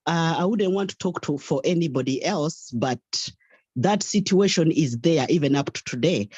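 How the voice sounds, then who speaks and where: A guest in a casual discussion, speaking thoughtfully and pausing to restart sentences. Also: medium pitch, darkish tone, no echo. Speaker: guest caller. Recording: muffled dry lo-fi audio.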